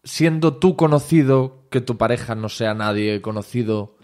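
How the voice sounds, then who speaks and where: A man's voice: medium pitch, normal speed, a little mellow. A Spanish man hosting a podcast, reacting briefly and asking his guest short questions. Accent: Spanish from Spain. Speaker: podcast host. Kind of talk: casual podcast interview.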